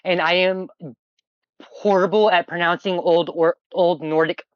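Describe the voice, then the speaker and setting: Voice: medium pitch, fairly even intonation, a little slow, clear, resonant tone, dry recording, muffled recording. A game master explaining options to a player in a casual, rambling way, with plenty of fillers. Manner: explanatory, chatty, lots of fillers. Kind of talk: running a tabletop game on stream.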